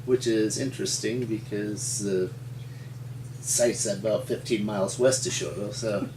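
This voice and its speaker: Here the resident paleontologist, a man from Montana, spins rambling, folksy stories for a storytelling interview, chuckling along. His fairly low voice keeps an even intonation and measured pace. Recorded with a distant mic in an echoey room, the background is noisy.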